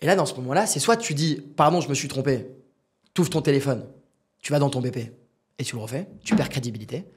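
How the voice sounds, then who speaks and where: A man's voice: medium pitch, quick pace, husky. A man in his twenties, a business founder and podcast guest, telling a story casually, acting out dialogue and speaking with slang and asides to the host.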